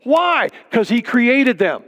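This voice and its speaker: A middle-aged man preaches with earnest, emphatic conviction, driving his points home through repetition. His voice sits high for a man and rings out with a long reverb trail, as in a church sanctuary. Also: big pitch swings, slow pace, fairly bright tone. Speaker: pastor. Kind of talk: sermon.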